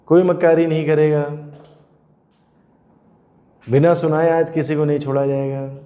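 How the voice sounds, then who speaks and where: A male coaching teacher lectures a physics class while fighting a sore throat. His voice sits a little high yet sounds mellow and soft-edged. He teases, scolds and drills his students as he talks. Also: little pitch movement, measured pace.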